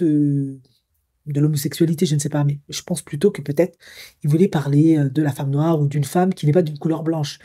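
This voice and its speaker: A woman's voice: sits low, dark tone, slightly rough. A woman, a coach talking through her views in a commentary vlog, musing and hesitant as she thinks aloud, sometimes reading a text. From Africa. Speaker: psycho-emotional coach.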